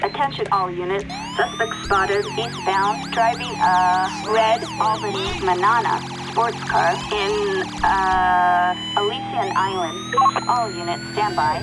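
A woman's voice: medium pitch, very animated, slow, loud music behind the voice, rough recording. A woman voicing a police dispatcher heard over the police radio, giving orders in clipped, formal radio codes. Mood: flat.

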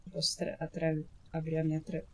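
A woman's voice: deep voice, completely flat delivery, a little fast, a little mellow, slightly rough. A woman, commenting on a horror game she is playing, jumpy and swearing often with startled yelps. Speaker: gamer streamer.

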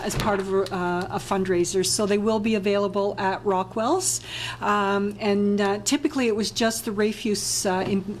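A woman chairing a town council meeting, speaking with many fillers and restarts, with a light chatty aside. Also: mid-range voice. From Canada. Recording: faint noise, council chamber.

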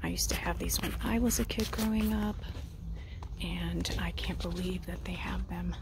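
A woman in her thirties in a whispered role-play, softly pointing out items while walking store aisles with a handheld phone. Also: on the low side, fairly even intonation, normal speed, noisy background. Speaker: vlogger. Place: indoor retail store aisles.

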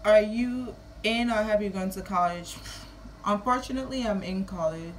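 A woman's voice: medium pitch, moderate pace, a little hiss or hum, low-quality recording. A woman in her early twenties with a Kittitian-Nevisian Caribbean accent, chatting casually and playfully to camera. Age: early 20s. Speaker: vlogger. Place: small room at home.

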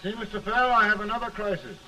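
An actor playing a humble, plainspoken frontier lawyer turned statesman, speaking slowly and earnestly in an early talkie film. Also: sits high, pushed and bright. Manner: slow, earnest and folksy. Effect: early talkie film sound. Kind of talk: 1930s film acting. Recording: distant, hissy early film soundtrack.

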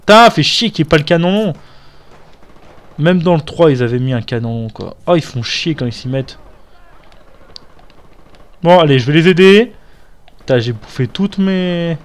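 Chatty young gamer guy, slightly high voice. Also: lively intonation, normal speed, long pauses. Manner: casual, swearing, chatty asides. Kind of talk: let's play commentary.

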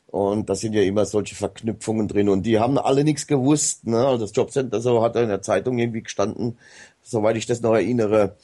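A man's voice: on the low side, fast talker, mellow. A man talking casually as a guest on a radio show, rambling with many hesitations and fillers.

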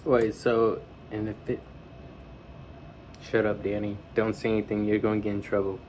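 A man's voice: lowish voice, little pitch movement, moderate pace, darkish tone, a little hiss or hum. A man hosting a reaction video, chatting casually, laughing a lot and swearing at what he is watching. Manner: laughs often and swears, talks back at the screen.

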